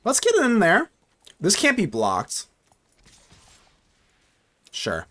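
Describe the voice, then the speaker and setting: This gaming streamer, a young man, has a high voice and speaks very slowly as he casually commentates a card game live. He stays animated and jokey, muttering to himself and talking to his chat.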